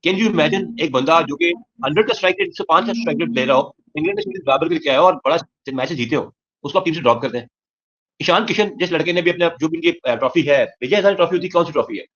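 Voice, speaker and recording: A fast-talking male pundit from Pakistan with a husky voice argues his point, groping for words as he goes. The audio is dull and lo-fi, muffling his rapid delivery. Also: fairly high pitch, a bit bright. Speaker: cricket pundit. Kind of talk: animated debate.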